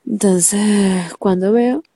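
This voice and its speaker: A woman's voice: mid-range voice, drawn-out words, breathy edge, dry recording. Stuffed-up Venezuelan woman telling a story. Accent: Venezuelan Spanish. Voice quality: nasal, stuffed-up. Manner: profane, animated storytelling full of slang. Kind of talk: casual storytime monologue. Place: under a quilt at home.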